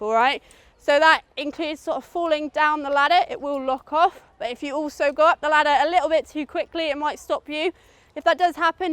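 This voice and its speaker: Briefing a group on safety at an outdoor adventure course, this British instructor stays informal and instructive, often making sure everyone is following. Her voice sits high in a dry recording.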